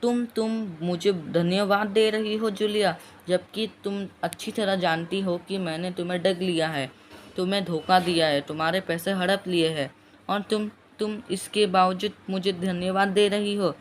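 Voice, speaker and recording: Stern, forceful employer voiced by a male teacher, loud and pitched a touch high, in a classroom story reading. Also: steady tone, moderate pace, slight background noise, lightly acted. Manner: louder, raised, emphatic delivery. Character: stern male employer, mocking then lecturing.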